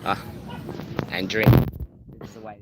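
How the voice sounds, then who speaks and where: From a beachside spot, a travel vlogger rambles on a phone live stream in a fairly low voice with little pitch movement and a measured pace. He keeps repeating words as he starts over, with clear street and vehicle noise beneath him.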